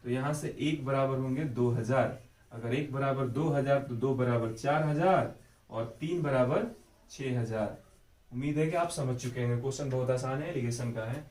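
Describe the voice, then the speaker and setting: A man's voice: medium pitch, normal speed, a little mellow, distant mic. A man teaching exam math, explaining each step patiently and repeating key points to check understanding. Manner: patient, repeats key steps with frequent "ठीक है" check-ins. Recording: echoey room, voice off mic.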